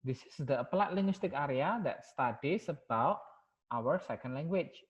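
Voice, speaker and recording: In this online class, a male university lecturer with an Indonesian accent goes back over the course. His fairly high, expressive voice halts often and is full of fillers, with "yeah" said again and again.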